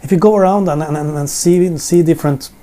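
A fairly high-pitched, warm male voice moves at a fairly quick pace. The middle-aged Norwegian, accent plainly Norwegian, sits on his living room sofa giving casual Bible teaching in English to a camera in front of him in a seated shot, and he often repeats words while reaching for the next one.

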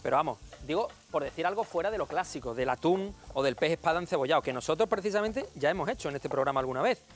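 High-voiced TV chef, jokey. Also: male voice, lively intonation, fast talker. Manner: playful and jokey, addressing viewers as family. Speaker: TV cooking show chef. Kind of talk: chatty cooking demonstration. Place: TV studio kitchen.

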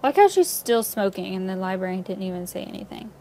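A woman's voice: medium pitch, big pitch swings, fast, dark tone, slight background noise, low-quality recording. A young woman casually commenting while playing a video game, chatty and prone to swearing. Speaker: let's play host. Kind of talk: casual let's play commentary.

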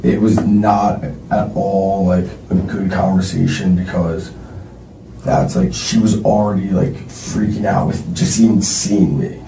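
A young man under police questioning, talking haltingly and filling nearly every phrase with "like". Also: sits low, warm tone. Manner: halting, filler-heavy, constantly says like. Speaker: suspect being questioned. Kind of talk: police interrogation. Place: police interview room. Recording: roomy distant recording with faint noise.

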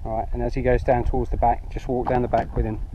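A man's voice: medium pitch, little pitch movement, quick pace, muffled recording. A man talking casually as he coaches someone through reeling in sharks from a small boat at sea, filmed on an action camera. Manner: coaching and narrating while fishing. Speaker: fishing channel host. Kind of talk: casual on-the-spot commentary. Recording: wind and water noise.

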